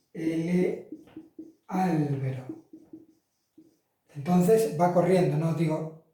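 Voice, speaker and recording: A man with a high voice but dark tone teaches Italian articles to Spanish speakers, chatting in a relaxed classroom manner with fillers and self-corrections. He's recorded far from the mic, with roomy echo.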